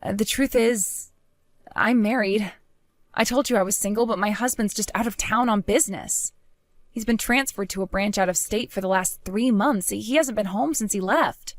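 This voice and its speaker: A scheming young wife who has been unfaithful, coaxing and pleading in a middle-pitched voice, as a woman acts her out. The sound is dry and close, with no room around it. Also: moderate pace, no echo, natural voice.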